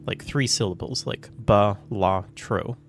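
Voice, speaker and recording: A man chatting casually on his gaming livestream, rambling and confused, with frequent chuckles and throat clearing. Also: mid-range voice, expressive, moderate pace. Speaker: livestream gamer. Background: soft background music.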